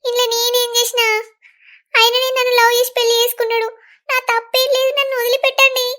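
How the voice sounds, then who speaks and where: A helpless young bride pleads in a very high, whining cartoon voice, as a woman plays her. The tone stays bright and thin throughout. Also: completely flat delivery, quick pace. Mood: pleading. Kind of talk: cartoon voice acting.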